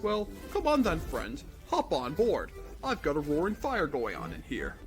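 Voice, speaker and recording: A man voicing a pompous, idle male pony prince who talks in a theatrical, drawn-out way, in a fan audio drama. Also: on the high side, wildly swooping pitch, faint music behind. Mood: breezy.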